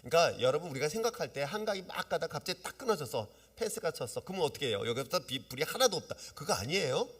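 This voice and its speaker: Animated male pastor in echoing hall. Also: fairly high pitch, quick pace, few pauses, breathy edge. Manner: lively, asks the congregation questions. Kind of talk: sermon. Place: church sanctuary. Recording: long reverb of a church hall.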